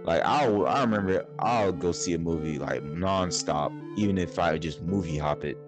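A young male podcast host chats casually in a low voice at a moderate pace, rambling and frequently starting his sentences over. Music plays in the background.

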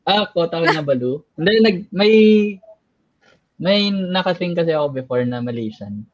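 A man's voice: on the high side, animated, normal speed. A man co-hosting a podcast, talking candidly and hesitantly, often trailing off with fillers. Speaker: podcast co-host. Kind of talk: casual candid chat. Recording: dull lo-fi sound.

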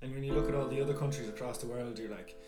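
A man's voice: mid-range voice, echoey room. Sweary man in casual chat. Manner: sweary, rambling, quick bursts. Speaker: podcast co-host.

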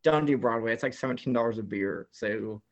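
A man's voice: mid-range voice, brisk. A man guest on a casual talk show, telling a long story full of "like" fillers. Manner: rambling, many "like" fillers, animated retelling. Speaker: podcast guest.

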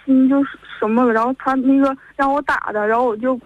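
Over a dull, lo-fi telephone line, a young woman in her twenties calls in to chat, her Northeastern Mandarin accent clear. She talks fast in a high voice with fairly even intonation, meandering through her story and joining each event with "and then." The sound is dry.

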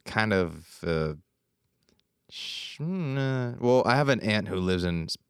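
A young man chats in an easygoing, slangy way, often drifting off mid-sentence. His voice sits very low and comes across smooth and resonant. The sound is dry and close, with no room around it. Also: lively intonation, takes it slowly, no echo. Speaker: podcast co-host. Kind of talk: casual chat.

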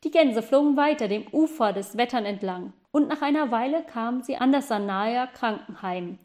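A woman narrating a children's storybook in a calm, even reading voice. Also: a little high, normal speed. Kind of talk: audiobook storytelling.

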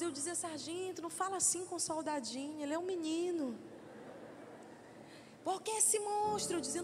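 A woman in her forties, a pastor, preaching a sermon with animated delivery that rises to loud calls to the congregation. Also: high voice. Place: church. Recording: church hall reverb with faint music.

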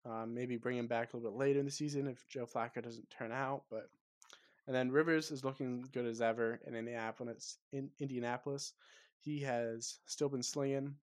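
Male co-host, relaxed sports chat, hesitant delivery full of ums, dry recording. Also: medium pitch, fairly quick, no echo. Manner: hesitant, many ums and restarts. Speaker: podcast co-host.

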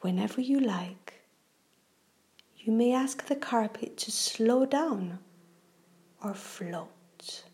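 A woman hosting a children's relaxation show, gently reading a guided meditation in a soft, breathy half-whisper with slow, soothing phrasing. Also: a little high.

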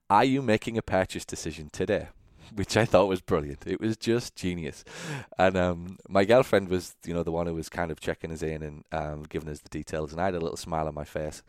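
Low-voiced man, dry solo podcast talk. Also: a little mellow, smooth, no room sound. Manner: conversational, checks in with "okay?", frequent fillers and restarts. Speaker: podcast host.

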